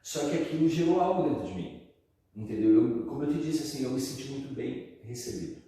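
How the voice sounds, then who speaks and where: A man with a Brazilian Portuguese accent gives his personal testimony casually, using slang and plenty of fillers. His mid-range voice is brisk and dark-toned, with lively intonation. The recording sounds distant, as if captured from far off in an echoey hall.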